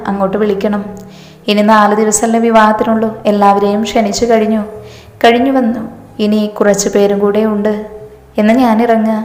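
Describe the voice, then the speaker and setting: Flat-voiced woman reading a story. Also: medium pitch. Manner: flat, even reading of every part in one voice. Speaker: storyteller voicing all characters. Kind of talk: read-aloud romantic story with dialogue. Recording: echoey room with long reverb.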